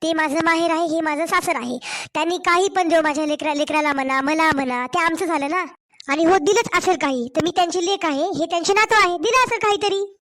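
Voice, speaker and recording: A woman playing a hoarse, aggrieved young wife. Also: high-pitched, fairly even intonation, quick pace, close to an everyday voice. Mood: defiant. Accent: Marathwada Marathi. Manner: complaining, pleading. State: hoarse from a cold. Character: young wife and mother, aggrieved daughter-in-law. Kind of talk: cartoon story voice acting.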